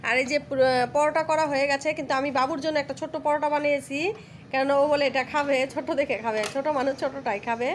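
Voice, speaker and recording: With a bit of noise in the background, a chatty village vlogger talks quickly in a high-pitched voice, greeting her viewers as brothers and sisters. She's at home, lively despite a face swollen by toothache, keeping the vlog conversation casual.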